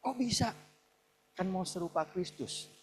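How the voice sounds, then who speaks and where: Animated man preaching a sermon. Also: sits high, unhurried, a little hiss or hum. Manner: animated preaching, swings between soft asides and loud emphatic peaks; acts out quoted people in shouted or pleading voices. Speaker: pastor. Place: church hall, live service.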